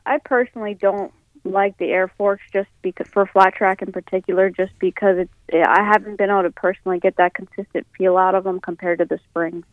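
A woman's voice: mid-range voice, steady tone, dry recording. Young woman calling in over the phone, tinny line, lots of "you know" and restarts. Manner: halting, filler-heavy speech. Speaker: racing guest. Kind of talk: casual interview answers.

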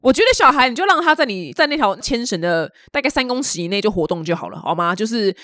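Woman news-chat host, quick and animated, dry close sound. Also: on the high side, dry recording. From Taiwan. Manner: chatty, opinionated, animated. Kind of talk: casual news commentary.

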